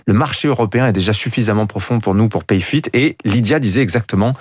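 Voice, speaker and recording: Man brisk emphatic business interviewer. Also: fairly low pitch, darkish tone, breathy edge, dry recording. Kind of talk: morning business radio interview.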